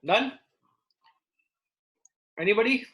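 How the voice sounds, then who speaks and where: A man's voice: high-pitched, lively intonation, takes it slowly, fairly bright tone. Man teaching maths online. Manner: explanatory, checking in with students by questions. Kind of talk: live online lesson, working through problems aloud. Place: indoor room, live online class.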